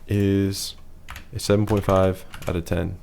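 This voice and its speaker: Male presenter with a deep, hoarse voice, for a plain analytical voice-over. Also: level tone, unhurried, darkish tone, a little hiss or hum. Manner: matter-of-fact, rating things one by one. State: losing his voice.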